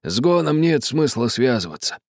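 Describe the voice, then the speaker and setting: A man voicing a gloomy, hoarse helmsman who mutters grimly. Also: medium pitch, very animated, normal speed, no room sound, clean studio sound, pitched above the performer's own voice.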